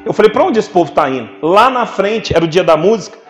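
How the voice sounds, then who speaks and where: High-pitched guy preaching, jokey storytelling, congregation call and response, echoey church hall. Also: lively intonation, quick pace, faint music behind. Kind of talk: sermon with storytelling.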